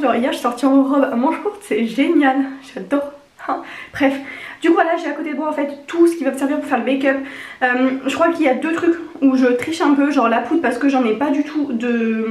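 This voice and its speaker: High, honking young woman with a cold. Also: a little fast, a little mellow. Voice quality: slightly honking, congested duck-like voice. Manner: chatty, rambling, informal slang. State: getting over a cold. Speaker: beauty vlogger. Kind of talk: casual chatty makeup review. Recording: echoey untreated room.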